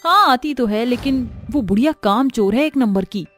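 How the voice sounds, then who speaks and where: A woman voicing a cruel, scornful young daughter-in-law in a storybook tale, with a shrill, sneering manner. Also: lively intonation, normal speed, a bit bright, soft background music. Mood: casual. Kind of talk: storybook voice acting.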